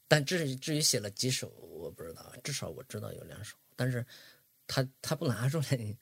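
A male guest telling memories of a friend in a halting, casual way. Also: medium pitch, gravelly, a bit bright, breathy edge, no echo. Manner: halting, with many restarts. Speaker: guest, documentary maker. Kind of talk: casual recollection.

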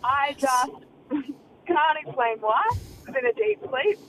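A woman's voice: high-pitched, big pitch swings, slow. A woman in her twenties telling a casual confessional story in a voice message. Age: 20s. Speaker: caller leaving a voice message. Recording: muffled voice message with background noise.

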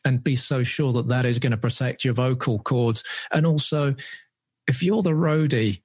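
A man's voice: mid-range voice, moderate pace, a little mellow, slightly rough, no room sound. Male co-host with a mid-range voice, teasing and jokey, dry close sound. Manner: teasing, joking. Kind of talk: casual on-air banter.

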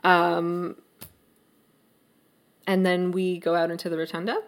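A woman's voice: lowish voice, little pitch movement, unhurried. A young woman co-hosting a podcast, chatting casually about a book with many restarts and fillers. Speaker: podcast co-host.

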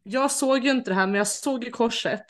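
Woman podcast guest, slightly high voice, measured explaining. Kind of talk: casual chat.

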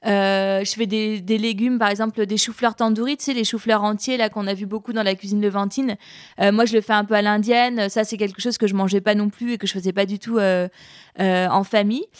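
A woman who cooks Indian food for a living, chatting in an interview and pausing often as she thinks aloud. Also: medium pitch, clean tone, no room sound, studio quality. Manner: hesitant, thoughtful, many pauses and restarts. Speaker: chef of Indian cuisine. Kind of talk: casual interview conversation.

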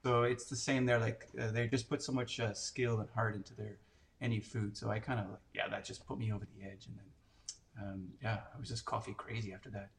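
A man's voice: fairly low pitch, steady tone, brisk, gravelly, a little hiss or hum. A man in his forties from Canada, chatting casually and telling stories with lots of fillers and restarts. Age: 40s. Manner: rambling, filler-heavy storytelling. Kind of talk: casual chat.

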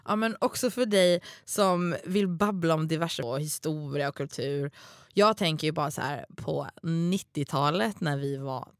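A woman's voice: sits low, no echo, clean studio sound. A middle-aged woman from Småland who speaks with a Stockholm accent, chatting casually and playfully as a podcast co-host. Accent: Stockholm Swedish. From Småland, Sweden. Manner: playful, babbling, informal.

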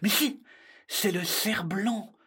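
A woman's voice: mid-range voice, slow, fairly bright tone, slightly rough, heavily acted. A woman voicing a know-it-all young boy. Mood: confident.

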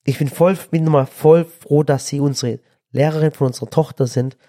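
A man's voice: a little high, steady tone, a little fast, mellow. A man in his thirties, a father co-hosting a podcast, speaking earnestly with frequent restarts and fillers. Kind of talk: casual chat.

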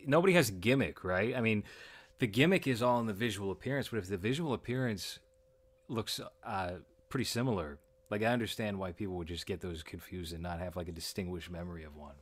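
A man co-hosting a podcast, chatting in a relaxed and opinionated way and sometimes swearing. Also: fairly low pitch, a little fast. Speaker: podcast co-host. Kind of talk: casual chat.

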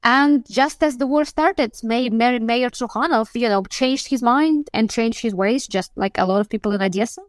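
A woman with a somewhat high voice speaks at a normal pace with few pauses, her remote call sounding dry and free of room noise. She's a foreign correspondent answering a question on a news podcast, thoughtful and searching, often starting her sentences over.

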